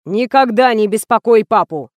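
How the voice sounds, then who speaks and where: Woman reading a contemptuous rich man, loud, slow and scolding. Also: on the high side, expressive, no echo, clean studio sound, lightly acted. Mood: cold. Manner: loud, slow, scornful ranting.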